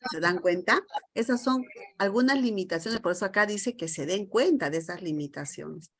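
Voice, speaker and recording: A woman's voice: medium pitch, animated, moderate pace. A middle-aged woman, leading a lecture for teachers over a video call and often asking the group questions. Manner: emphatic, asks the group many rhetorical questions. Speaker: teacher trainer leading a session.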